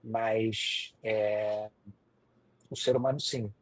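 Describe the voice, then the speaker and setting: Husky low-voiced Brazilian man host. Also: flat delivery, drawn-out words, dry recording, low-quality recording. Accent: Brazilian Portuguese. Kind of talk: casual chat.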